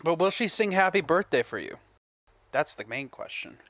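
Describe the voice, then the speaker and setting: A male stream host making sarcastic, deadpan comments on a clip. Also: fairly high pitch, normal speed. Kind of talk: mocking commentary.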